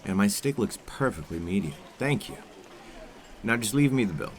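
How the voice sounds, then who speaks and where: A man playing a suave, menacing criminal in a scripted ASMR role-play, with a smooth, condescending, impatient and commanding manner. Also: lowish voice, lively intonation, normal speed, very noisy, lightly acted. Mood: smug. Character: suave, menacing male criminal coaxing a captive dinner date.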